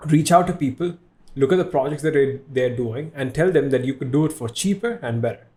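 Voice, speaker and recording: A man's voice: mid-range voice, brisk, dark tone. A man hosting a casual podcast with a mix of Indian and Western English in his accent. He rambles, repeats himself and laughs at his own jokes. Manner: rambling, self-deprecating, repeats words, laughs often. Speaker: podcast host.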